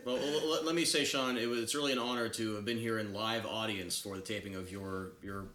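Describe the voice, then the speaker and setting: Low-voiced man making wry remarks. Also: fairly even intonation, brisk, fairly bright tone, slight background noise. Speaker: podcast guest. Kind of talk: casual chat. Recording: roomy echo.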